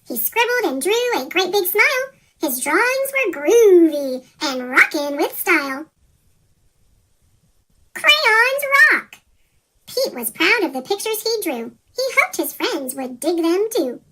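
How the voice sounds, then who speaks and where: A reader of a rhyming children's picture book, voice pitch-shifted into a chipmunk effect, reading in a sing-song way. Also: sing-song, slow pace, sharp tone. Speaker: storybook reader.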